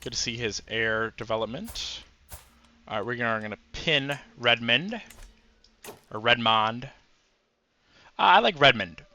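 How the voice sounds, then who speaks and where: A man's voice: medium pitch, moderate pace, pauses often, bright, forceful tone. A man giving casual commentary while playing a strategy game, musing aloud with frequent fillers. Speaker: gameplay commentator.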